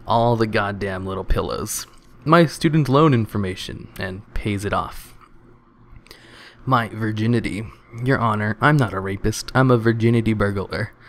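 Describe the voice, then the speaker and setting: A man's voice: fairly low pitch, moderate pace, fairly bright tone. A man hosting his channel, casually reading online comments aloud in a dry voice and holding back laughs.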